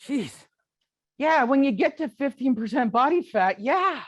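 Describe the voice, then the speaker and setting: Brash high-voiced man coaching a seminar. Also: expressive, normal speed, lo-fi sound. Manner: brash, joking and profane. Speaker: real estate coach teaching a seminar. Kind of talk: live seminar teaching.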